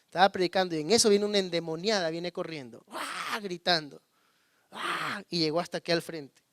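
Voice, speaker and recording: High-voiced preaching man, dry sound. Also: fairly even intonation, fast, no echo. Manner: calls on the congregation to repeat words; swings between loud emphasis and hushed low asides. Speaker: pastor. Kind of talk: sermon.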